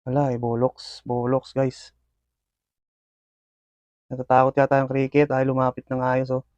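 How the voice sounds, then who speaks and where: With a mid-range voice at a moderate pace, a man calls the action as his pet scorpions eat, chatting to viewers excitedly and using frequent fillers. There's no echo, but the recording sounds muffled.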